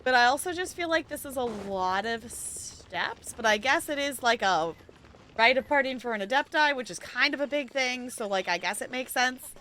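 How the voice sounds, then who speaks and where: A woman's voice: on the high side, animated, moderate pace, sharp tone, slight background noise. A woman streaming a game with casual, chatty commentary, giggly and thinking aloud.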